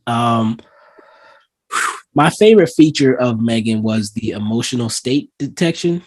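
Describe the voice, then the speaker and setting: A man hosting a casual movie review podcast, chatting loosely with lots of fillers and acting out scenes in lively voices. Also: mid-range voice, a little slow. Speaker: podcast host.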